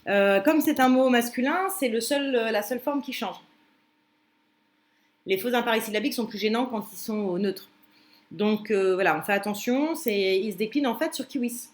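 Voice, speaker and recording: A woman teaching a commented translation lesson, explaining step by step with many fillers and restarts. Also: fairly high pitch.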